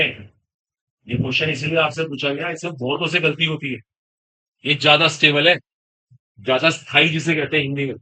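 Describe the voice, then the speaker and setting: A man's voice: on the high side, bright, forceful tone, low-quality recording. A man teaching chemistry to a class, questioning students and repeating key points. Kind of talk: classroom lecture.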